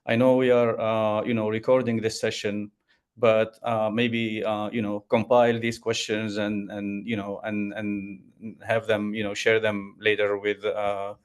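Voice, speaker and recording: Middle-aged male moderator, lowish flat voice, halting delivery, headset mic. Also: clean tone. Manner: hesitant, halting, many fillers. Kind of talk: video call Q&A.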